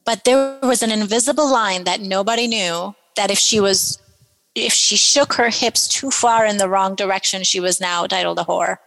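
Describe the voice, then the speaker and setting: Animated woman guest from Iran, echoey. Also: mid-range voice, moderate pace, vocal fry. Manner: animated storyteller with many fillers and restarts. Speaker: podcast guest. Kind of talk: casual storytelling in conversation.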